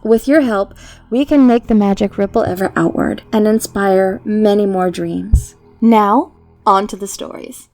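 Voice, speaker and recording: A woman with a mid-range, steady, a little mellow voice hosts and narrates stories on YouTube at a slightly slow pace. Her scripted delivery is theatrical, whimsical and playful, set against background music.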